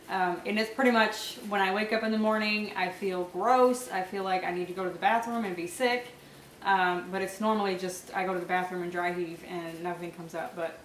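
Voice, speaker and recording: A young woman vlogger gives a casual pregnancy update, her mid-range voice stuffy and nasal from a cold, with a sore throat and congestion. She uses lots of fillers and small laughs, recorded from a distance in an echoey room with slight background noise on a rough recording.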